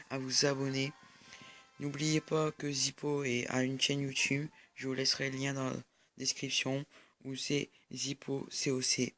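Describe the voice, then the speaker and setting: Man, young, gameplay commentary, monotone, halting, lots of fillers. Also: mid-range voice, slight background noise. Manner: hesitant, many fillers and restarts. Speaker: gaming YouTuber.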